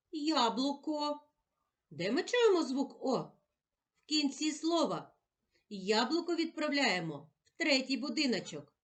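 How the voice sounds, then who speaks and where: A woman teacher with a Ukrainian accent giving a children's reading lesson, slowly sounding out letters and syllables. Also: sits high. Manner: slow, clear, sounding out syllables for young children.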